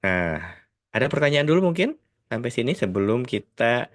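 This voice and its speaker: A man's voice: medium pitch, big pitch swings, normal speed. A man with a Sundanese accent teaching a casual video lesson. He explains in a chatty way, with many tag words and hesitations, and mixes English phrases into his talk. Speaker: IELTS tutor.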